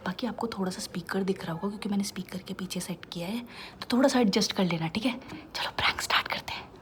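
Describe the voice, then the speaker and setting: A woman's voice: mid-range voice, fast, slight background noise. A young woman chatting casually to her viewers in a home vlog, recorded on a phone, giggly and talkative. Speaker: vlogger. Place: home, kitchen and drawing room. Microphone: phone camera.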